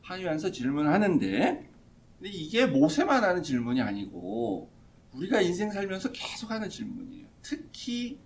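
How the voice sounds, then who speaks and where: A middle-aged man preaching a sermon in a church, telling the story with lively delivery and acting out the quoted voices. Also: high-pitched, moderate pace. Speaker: pastor. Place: church sanctuary.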